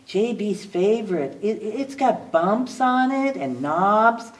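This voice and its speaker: A woman's voice: mid-range voice, expressive, slow, recorded from a distance, voice pushed up. A woman reading aloud and voicing a timid, anxious young female storybook creature in a raised voice.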